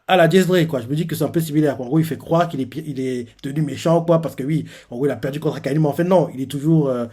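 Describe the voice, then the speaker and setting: A man's voice: on the high side, mellow, husky. A young man casually retelling a manga chapter during a live reaction, hesitating often and padding his sentences with fillers. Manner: hesitant, filler-heavy retelling with many pauses.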